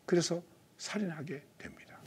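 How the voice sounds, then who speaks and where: A man preaching a sermon, asking his listeners questions, rising to loud emphatic lines and dropping to breathy near-whispers. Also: fairly high pitch, normal speed. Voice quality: very husky, breathy. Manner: asks the listeners rhetorical questions. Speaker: pastor.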